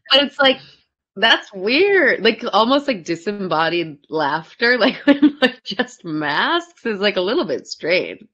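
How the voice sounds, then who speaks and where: A woman's voice: a little high, sing-song, slow, long pauses, a bit bright. A woman moderating a casual comedy panel, laughing often and talking with many fillers. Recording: dull lo-fi audio.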